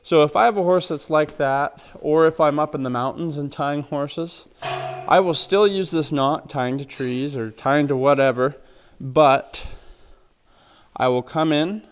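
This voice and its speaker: A man, a horse trainer, calmly explaining knots step by step in a plain, practical way. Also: on the high side, measured pace, clear, resonant tone. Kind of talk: instructional demonstration.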